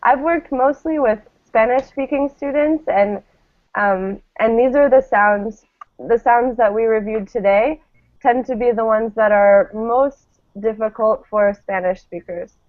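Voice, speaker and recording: This is a live online lesson where a woman drills word pairs to teach English pronunciation. Her voice is a little high and unhurried, with phone-quality sound over thin call audio, and she is encouraging as she pronounces model words carefully.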